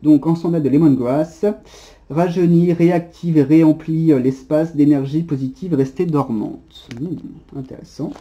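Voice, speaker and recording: A man giving a casual unboxing narration in an unhurried, chatty way, often pausing on little "hop" sounds and hesitations. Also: on the high side, steady tone, muffled recording. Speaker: unboxing presenter.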